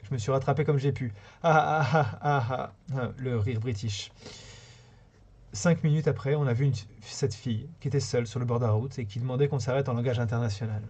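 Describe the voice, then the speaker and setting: A man reading a short story aloud on a live stream, unhurried, now and then stumbling and rereading a phrase. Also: mid-range voice, steady tone, mellow, breathy edge. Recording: slightly dull lo-fi sound.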